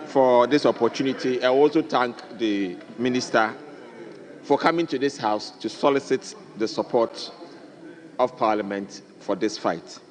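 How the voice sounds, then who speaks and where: A man's voice: mid-range voice, a little slow. A man with a Ghanaian accent giving an insistent parliamentary debate speech as a member. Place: large parliament chamber. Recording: echoing chamber with long reverb.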